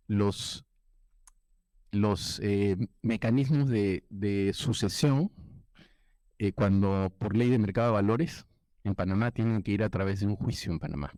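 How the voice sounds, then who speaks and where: A man speaking at a banking panel discussion, measured and explanatory, with many fillers. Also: on the low side, mellow, no echo. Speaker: panel participant. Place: event room.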